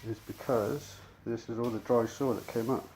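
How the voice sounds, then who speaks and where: A rug cleaner chats casually while presenting his own work, his voice muffled by a dust mask over his mouth. He has a mid-range, a little mellow voice with a steady tone at normal speed. Background noise comes through clearly.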